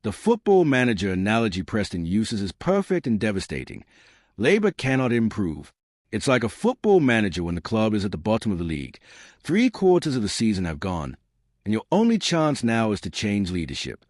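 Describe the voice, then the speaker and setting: A man's voice: on the low side, huge pitch swings, fairly quick, darkish tone, dry recording, studio quality. A man narrating scripted political commentary in an emphatic, dramatic and scornful way.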